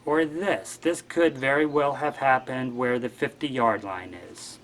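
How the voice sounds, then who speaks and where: A man's voice: medium pitch, a little slow, background noise. A man guest-hosting a show, talking in a rambling, wry and offhand way. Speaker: guest host. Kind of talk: casual monologue.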